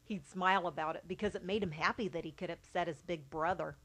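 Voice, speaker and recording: A middle-aged woman, a mother, reading aloud a personal account in a steady, matter-of-fact way. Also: fairly low pitch, quick pace. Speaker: mother of a child with albinism.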